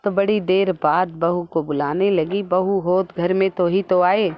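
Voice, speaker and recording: Low-voiced woman telling a devotional tale. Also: fairly even intonation, lo-fi sound. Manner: simple, unhurried storytelling. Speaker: storyteller. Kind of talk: devotional folk tale narration.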